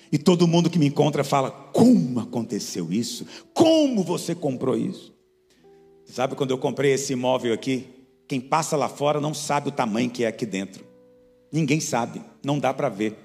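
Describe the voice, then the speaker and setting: A man, a pastor, preaching a sermon. He tells stories and moves between quiet asides and high, emphatic peaks. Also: a little fast, gravelly. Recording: reverberant church hall with soft music.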